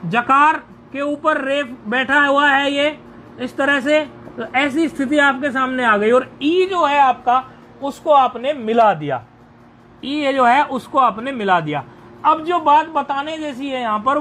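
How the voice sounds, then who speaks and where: A man with a very high-pitched voice teaches a Sanskrit grammar lesson. He goes over each point patiently, repeats it, and keeps asking whether the students have followed. A faint hiss of noise sits under his voice. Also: fairly bright tone.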